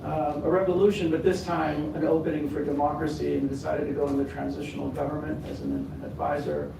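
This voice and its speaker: A man's voice: a little high, lively intonation, fairly quick, gravelly. A man in his fifties on a conference panel, telling his personal story with self-deprecating asides and many fillers and restarts. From born in the US, raised in California, family from Sudan. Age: 50s. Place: conference hall. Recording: echoey hall, mic far off, background noise.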